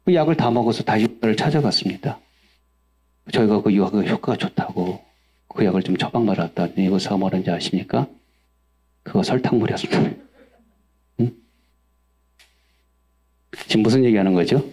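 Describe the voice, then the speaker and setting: A man's voice: fairly low pitch, moderate pace, long pauses, a little mellow, breathy edge. A male pastor preaching a sermon, asking the congregation questions and acting out angry outbursts in a raised voice. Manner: asks the congregation questions and answers them himself.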